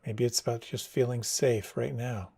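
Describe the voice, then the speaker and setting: Male meditation guide, soft and unhurried, dark and gravelly. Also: mid-range voice, steady tone. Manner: slow, soft, soothing instructions.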